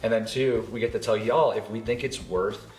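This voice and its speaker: A man's voice: lowish voice, steady tone, normal speed, darkish tone. A man hosting a casual whiskey-tasting chat, thinking aloud as he talks. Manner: chatty, thinks aloud with restarts. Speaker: host. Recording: roomy echo with music.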